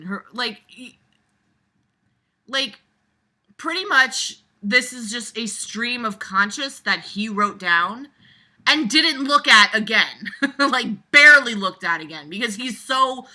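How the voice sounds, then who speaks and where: A woman whose voice is on the high side reads at a measured pace with lively intonation and a sharp tone. She gives the text a casual reading with mocking commentary, sarcastic, exasperated and foul-mouthed, an amateur with a regular audience.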